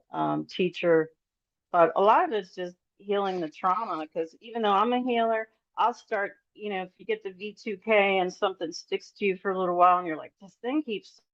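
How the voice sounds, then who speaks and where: Woman guest, deep voice, rambling candid testimony with nervous laughs; muffled lo-fi sound. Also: vocal fry, no room sound. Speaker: roundtable guest. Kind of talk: candid personal testimony in a podcast roundtable. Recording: dull lo-fi audio.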